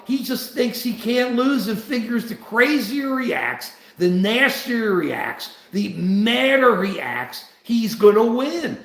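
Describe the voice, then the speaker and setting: A man's voice: high-pitched, a bit bright, reverberant. An older man hosting a political livestream, rambling and repeating himself as he talks animatedly. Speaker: livestream host.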